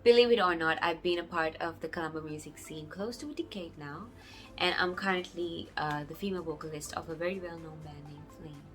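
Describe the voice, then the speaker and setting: A young woman from Sri Lanka, a singer-songwriter, speaking casually to camera in a warm, grateful way. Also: low-pitched, a little fast, soft background music. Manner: warm, grateful, often laughing softly.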